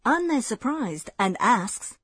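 Husky-voiced woman hosting a language lesson. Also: on the high side, sing-song, fairly bright tone, no room sound. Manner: clear, measured explanations. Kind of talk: scripted lesson narration.

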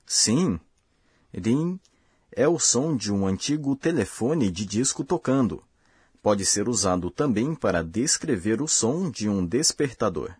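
A man hosting a language course, giving slow, careful, scripted explanations. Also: on the low side, lively intonation, a little mellow, slightly rough. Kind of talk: scripted lesson narration.

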